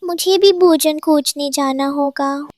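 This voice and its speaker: A woman voices a gentle female cuckoo for a children's cartoon. The voice is high, girlish and sweet, with a polite manner. The sound is dry and close. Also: slow, no echo. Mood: gentle worry. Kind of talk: children's cartoon story acting.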